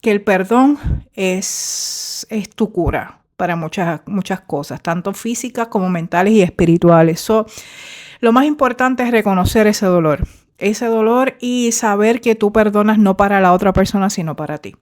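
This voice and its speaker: A middle-aged woman, a former therapist hosting a faith-based motivational podcast in a warm, conversational way. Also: medium pitch, moderate pace. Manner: warm, conversational, mixes English fillers into Spanish.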